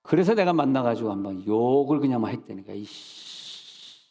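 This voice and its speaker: A middle-aged man preaching in a church service, telling animated stories and scolding with mock insults. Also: mid-range voice, fast. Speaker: senior pastor. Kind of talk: sermon. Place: church sanctuary. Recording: long reverb of a church hall.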